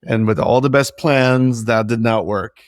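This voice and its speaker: In a casual interview recorded with clean, dry studio sound, a business founder in his forties who grew up in Norway speaks candidly as a guest. His medium-pitched voice moves a little slowly, and he brings a self-deprecating sense of humor.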